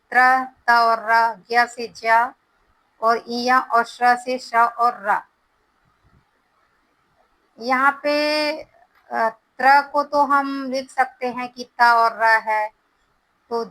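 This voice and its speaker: A woman teaches a grammar lesson, explaining each point step by step. Her voice is bright and a little high. She speaks slowly and carefully. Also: low-quality recording.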